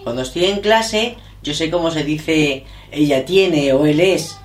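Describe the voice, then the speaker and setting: A hesitant middle-aged woman, an English learner being interviewed, chats casually in an echoey, roomy space with soft music in the background. Her voice sits low and her pace is measured, and she corrects herself as she thinks aloud.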